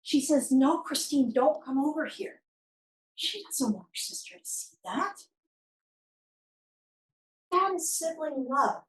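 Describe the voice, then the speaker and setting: A woman's voice: high-pitched, expressive, slow pace, long pauses, low-quality recording. A woman prosecutor giving a courtroom closing argument, emphatic and pressing her points through repetition. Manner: emphatic, repeating key phrases for force.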